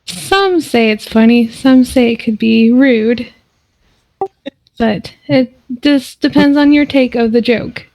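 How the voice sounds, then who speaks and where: A woman player at a tabletop game telling a joke slowly and deliberately. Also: on the high side, darkish tone, no echo, low-quality recording.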